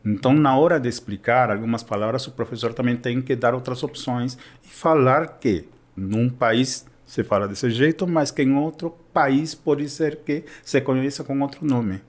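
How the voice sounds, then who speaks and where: A man's voice: medium pitch, moderate pace, hardly any pauses. Man explaining with patient examples. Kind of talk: explanatory interview answer.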